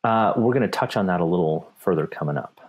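Very deep, husky-voiced man. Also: quick pace. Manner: relaxed, with frequent repeats and restarts. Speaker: paper company technical specialist. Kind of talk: webinar Q&A, answering viewer questions.

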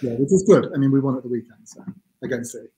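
A Mancunian man in his forties speaks as an interview guest over a webcam call. His voice is dark and mellow, and he talks casually, hesitantly and with self-deprecating asides. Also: medium pitch, racing, low-quality recording. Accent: Mancunian English. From England. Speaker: CEO guest. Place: home office room. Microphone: video call webcam.

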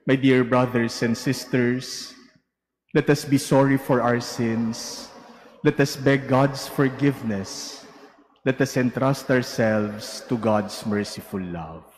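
Slow-praying priest in cathedral echo. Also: male voice, medium pitch, fairly even intonation. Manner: slow, measured recitation. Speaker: priest presiding at Mass. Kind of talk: liturgical prayer. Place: large cathedral. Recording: long cathedral reverb.

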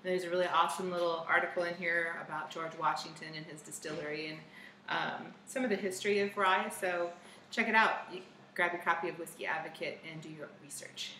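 A woman's voice: on the low side, fairly even intonation, a little fast, bright, forceful tone, roomy sound, slight background noise, rough recording. A bubbly, giggly woman co-hosting a casual whiskey tasting chat in a bar's party room. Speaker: co-host.

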